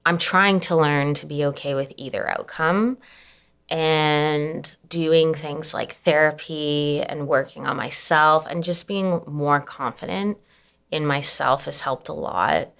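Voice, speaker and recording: A young adult woman speaking as an interview guest, soft-spoken and reflective, with many fillers and nervous little laughs. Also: sits low, steady tone, takes it slowly, gravelly. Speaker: anonymous guest. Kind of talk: candid personal interview.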